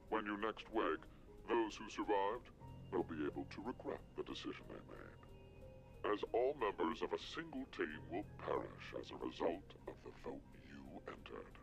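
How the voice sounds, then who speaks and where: A man playing a masked mastermind villain in a video game, speaking with slow, theatrical, ceremonious menace. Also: low voice, animated, gravelly, highs cut off, faint music behind. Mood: cold, commanding.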